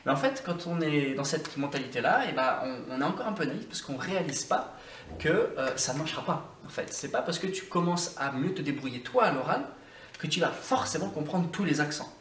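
A man's voice: fairly high pitch, animated, a little fast, a bit bright, slight background noise. A man giving a casual video lesson as an English teacher, talking straight to the viewer in an informal, coaching way. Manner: addresses the viewer directly and informally. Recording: roomy sound from a distance with faint ambience.

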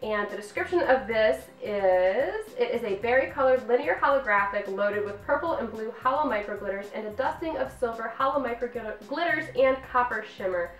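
A woman's voice: on the high side, expressive, fairly quick, few pauses. Female host, 30s, upbeat review vlog; echoey room, distant mic. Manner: bubbly and gushing. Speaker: nail polish reviewer. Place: home filming room. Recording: roomy, distant mic, faint music.

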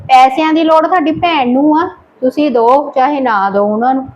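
A woman's voice: high-pitched, a little fast, darkish tone, lightly acted. A woman playing a poor wife who protests against her husband and laments her fate, in an amateur family drama. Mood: protesting. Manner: protesting, plaintive.

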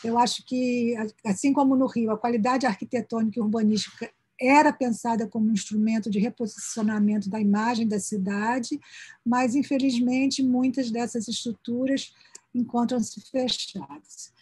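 A woman giving an academic conference presentation over a video call, peppering her sentences with little tag questions and restarting phrases as she rushes to finish in time. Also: a little high, fairly even intonation, darkish tone, slightly rough, no room sound. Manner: sprinkles "né" fillers and restarts mid-phrase; hurried toward the end of her time.

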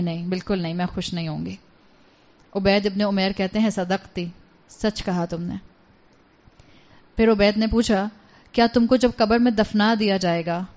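A woman's voice: medium pitch, darkish tone. Earnest woman preacher, slightly muffled. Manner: earnest, retells a story with quoted dialogue, mixes English words. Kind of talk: religious lecture. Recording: slightly dull lo-fi recording.

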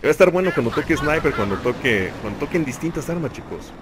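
A young man with a Mexican Spanish accent giving excitable play-by-play commentary on a shooter game, talking to himself and laughing often. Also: a little high, fast talker. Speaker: gaming channel host. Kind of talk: live gameplay commentary. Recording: noisy game audio behind voice. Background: gunfire and game sounds.

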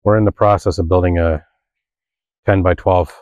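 A man's voice: low voice, fairly even intonation, normal speed, darkish tone, dry recording, highs cut off. A man who keeps animals on his farm, explaining things in a plain, matter-of-fact way outdoors. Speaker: animal keeper and farmer. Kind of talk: casual explanation.

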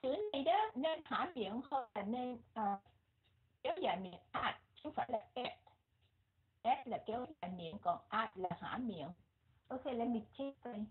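A woman with a Vietnamese accent teaching English pronunciation, repeating words slowly and switching between English and Vietnamese. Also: on the high side, animated, husky. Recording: muffled, phone-like lo-fi audio.

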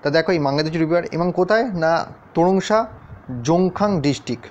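A man's voice: on the high side, fairly quick. A man teaching an exam-prep lesson over a map, talking straight to his students and checking in with them often. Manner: addresses students directly, often checks in with questions. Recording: dull, lo-fi sound.

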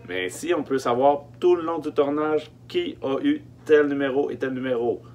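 Wearing a face mask inside a small wooden-lined storage truck, a Quebecois man in his thirties offers tips as a film production logistics technician. His slightly high, somewhat mellow voice is emphatic and informal, repeating key words between hesitant pauses. Faint hum and background noise run under the recording.

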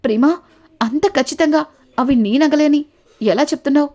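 A woman voicing a calm young woman who lays out the truth to her mother-in-law. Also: sits high, a little fast, close to an everyday voice. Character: young woman, calm, clever sister-in-law exposing lies.

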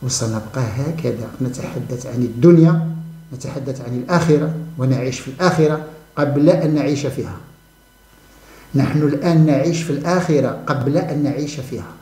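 A man's voice: medium pitch, brisk, mellow, roomy sound. A man with a Moroccan accent delivering an impassioned monologue, mocking and repeating himself as he speaks. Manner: fervent and mocking, repeats phrases, breaks into scornful laughter. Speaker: channel host giving commentary.

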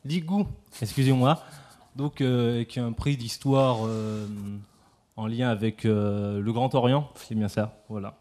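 A man's voice: mid-range voice, steady tone, unhurried, warm tone. Young guy, student, reading a formal intro in a lecture hall, lots of ums, kinda hesitant. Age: young adult. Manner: hesitant, with frequent filler sounds. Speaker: student interviewer.

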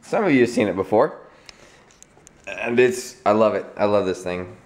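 A man's voice: fairly low pitch, lively intonation, normal speed, a little hiss or hum. A man hosting a food vlog, chatting casually to the camera and laughing often. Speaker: vlog host. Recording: echoey room with faint music.

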